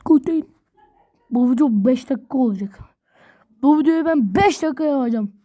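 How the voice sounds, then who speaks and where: A woman giving excitable, slangy commentary while playing a video game, talking straight to her viewers. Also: sits high, moderate pace. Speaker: gameplay video host. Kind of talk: casual gameplay commentary.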